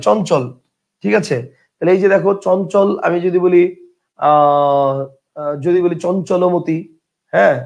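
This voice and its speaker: A man's voice: high voice, vocal fry, a little mellow. A man teaching a grammar lesson online, talking colloquially, repeating points and quizzing his students. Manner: colloquial, addresses learners as brother.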